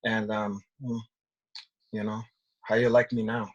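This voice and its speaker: A man's voice: on the low side, little pitch movement, unhurried, dull audio. A middle-aged man playing a boastful, crude fighting legend, stumbling and rambling as he takes callers on a video call. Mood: cocky. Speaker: show host taking callers.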